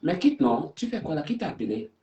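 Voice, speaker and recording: A man's voice: on the high side, very animated, a little fast, mellow, muffled recording. Theatrical man hosting a live stream. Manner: theatrical, confrontational. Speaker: livestream host. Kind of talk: live stream chat with callers. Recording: roomy sound, distant from mic.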